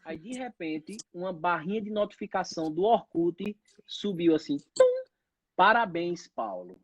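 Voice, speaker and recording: A man's voice: high voice, very animated, moderate pace, darkish tone, breathy edge, no room sound, muffled recording. A man, telling his own story as an interview guest, acting out the voices of the people in it. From Northeast Brazil. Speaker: pediatrician guest.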